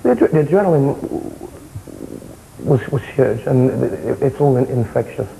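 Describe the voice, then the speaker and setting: A young man with a South London accent, answering interview questions in a matter-of-fact, halting way. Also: mid-range voice, animated, creaky, mellow, low-quality recording. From South London, England. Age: young adult. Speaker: interviewee, former far-right insider. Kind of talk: candid television interview. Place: indoor television interview, close camera.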